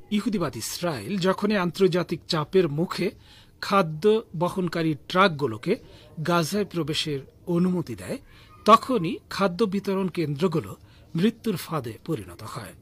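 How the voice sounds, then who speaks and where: A man reads the radio news in a steady, formal, scripted delivery. His voice sits a little high and has a husky edge. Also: moderate pace. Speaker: news reader.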